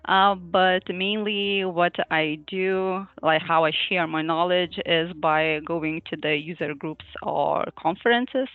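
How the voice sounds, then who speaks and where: On a video call, a woman from Lithuania gives a user group presentation, hesitating often with fillers and little laughs. She speaks on the low side, slowly and with few pauses, in thin, dry, phone-like audio with no room sound and faint music in the background.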